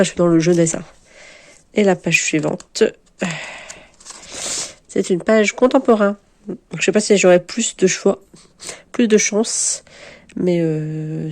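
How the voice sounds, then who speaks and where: A woman's voice: lowish voice, a little mellow. A woman in her forties from France, chatting casually to camera in a rambling, self-mocking way with many hesitations. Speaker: book vlogger.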